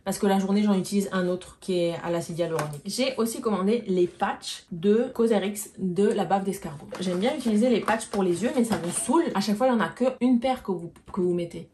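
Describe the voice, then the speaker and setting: Mellow-voiced woman chatting through a beauty haul. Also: medium pitch, fairly quick, few pauses, a little hiss or hum. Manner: chatty, explains products while showing them to viewers. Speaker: beauty vlogger. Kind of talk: casual product haul chat.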